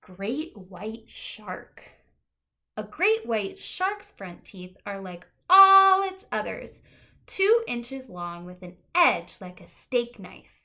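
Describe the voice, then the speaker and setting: Reading slowly to children, a woman teacher with a lively pitch works through a nonfiction picture book, pausing for brief asides. She explains as she goes, expressively emphasizing key words for the young audience.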